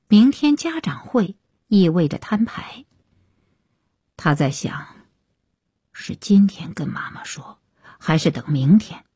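A woman narrating a story as an audiobook reader, in a measured, expressive way. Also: on the low side, slightly rough, no room sound, clean studio sound.

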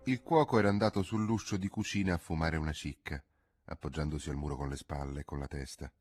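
A man narrating a classic novel as an audiobook, measured and expressive. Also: a bass voice, soft background music. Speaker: audiobook reader.

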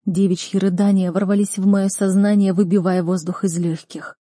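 A woman reading a first-person fantasy audiobook in a tense, measured manner. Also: medium pitch, level tone, warm tone, no room sound, clean studio sound. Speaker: audiobook reader.

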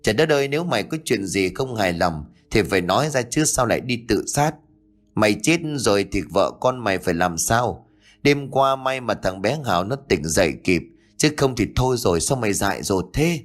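A man's voice: on the low side, lively intonation, brisk, lightly acted. A man playing a worried, scolding village man. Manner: anxious scolding.

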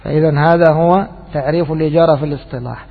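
A man's voice: on the high side, steady tone, very fast, gravelly, slightly rough. A man giving a religious jurisprudence lesson, repeating key phrases and asking the class rhetorical questions. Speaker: Islamic jurisprudence teacher. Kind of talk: religious lecture. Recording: tinny phone-like lecture recording with long reverb.

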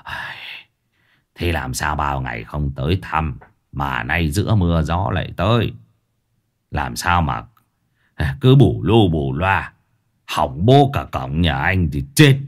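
A man's voice: extremely low pitch, expressive, slow, long pauses, pitched below the performer's own voice, full character voice. A man doing a coarse, grumbling fat village chief. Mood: grudging. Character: fat, lazy, greedy older village chief.

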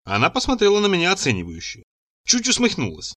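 A man's voice: sits high, huge pitch swings, fast, bright, forceful tone. A man narrating an audiobook in the first person, telling the story expressively. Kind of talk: audiobook reading.

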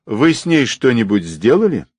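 A man voicing a commanding, sharp-tongued woman who gives curt orders. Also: mid-range voice, big pitch swings, moderate pace, breathy edge, no echo, studio quality, pitched above the performer's own voice. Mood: imperious. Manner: imperious, curt.

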